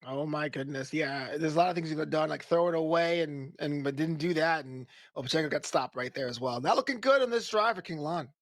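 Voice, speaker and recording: High-voiced joking male color commentator. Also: a little fast, few pauses, no echo. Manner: playful, joking, laughs often.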